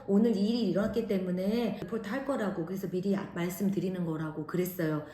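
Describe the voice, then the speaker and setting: A middle-aged woman from Korea with a naturally loud voice, telling a story in a lively casual way and acting out what people said. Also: lowish voice, fast, echoey room. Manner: animated, acts out quoted lines. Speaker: vlogger, mother.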